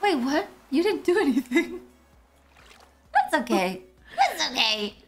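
A woman streamer chatting casually while gaming, giggly, excitable and teasing. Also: sits high, measured pace. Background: game music.

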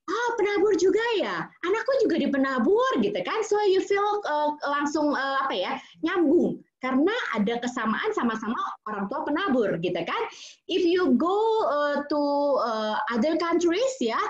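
A high-pitched woman with an Indonesian accent, a child psychologist, runs an interactive parenting webinar, switching between English and Indonesian with lots of fillers. She's heard through a video call, and the audio is muffled.

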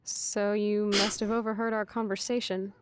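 A woman's voice: medium pitch, little pitch movement, moderate pace, slight background noise, close to an everyday voice. An American actress playing a rebellious, sweary punk girl of about nineteen in a video game, cocky and sarcastic. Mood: pressing, scornful. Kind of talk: video game drama acting.

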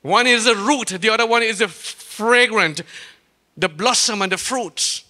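High, bright Trinidadian preacher in a reverberant church. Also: male voice. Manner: rhetorical questions, emphatic drawn-out phrases. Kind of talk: sermon. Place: church sanctuary. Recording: long church-hall reverb.

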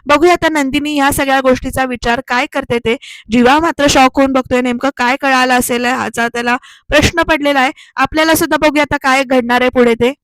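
A woman's voice: high-pitched, steady tone, fairly quick, a bit bright, no echo. A woman giving a casual spoken recap of a TV serial episode, chatty and full of filler words, talking straight to her viewers. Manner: chatty, with frequent filler particles; addresses viewers directly. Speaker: serial recap voice-over narrator.

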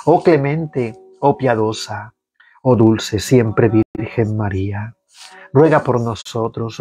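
A man leads a rosary livestream, reciting psalms and prayers at a slow, measured pace. He guides the listeners through each response. Soft music plays faintly behind his voice. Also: medium pitch. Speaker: prayer leader.

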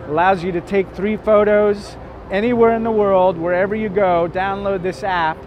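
A man's voice: sits high, fairly even intonation, normal speed, highs cut off. A young man speaking earnestly outdoors in a busy city square for a promo video, with music playing over it. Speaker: interviewee. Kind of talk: scripted promo testimony. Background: music and traffic.

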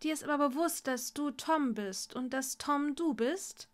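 A woman voicing a calm young witch teacher in a storybook reading, speaking softly and gently. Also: high-pitched, normal speed. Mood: gentle. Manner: soft and gentle.

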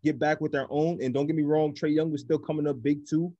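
A man's voice: on the high side, steady tone, quick pace, mellow, no echo, muffled recording. A man co-hosting a casual basketball podcast, talking in a laid-back, teasing way full of fillers. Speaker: podcast co-host. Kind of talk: casual sports chat.

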